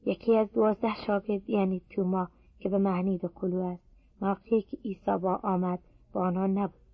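Woman reader, scripture reading, even and unhurried, dry muffled recording. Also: medium pitch, no room sound. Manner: steady, measured reading pace.

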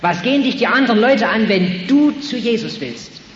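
A man preaching an evangelistic sermon, swinging between loud calls and quiet, earnest passages. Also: sits high, expressive, moderate pace, a little hiss or hum. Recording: echoey hall, muffled old recording.

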